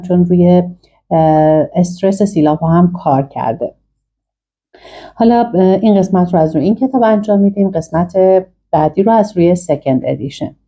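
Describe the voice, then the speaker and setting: A woman with a low, husky voice runs an online English lesson. She explains each step and models short phrases for learners to repeat. Her tone is mellow, and the audio sounds dull and lo-fi. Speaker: English teacher.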